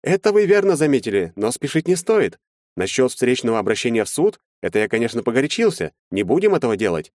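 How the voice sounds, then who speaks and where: A man's voice: mid-range voice, sing-song, fast, a little mellow, no room sound, clean studio sound, voice pushed up, lightly acted. A man reading an audiobook, voicing a nervous, evasive middle-aged male lawyer who talks around every question.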